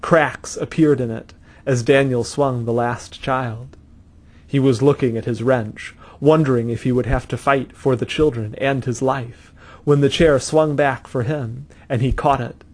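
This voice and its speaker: A man narrating a story in a measured, steady reading. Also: medium pitch.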